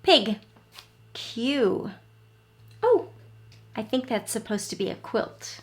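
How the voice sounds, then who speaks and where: Speaking a little high, a woman hosts a read-aloud meant for little kids. Her teacher talk is simple and expressive, and she often stops to put questions to the listener.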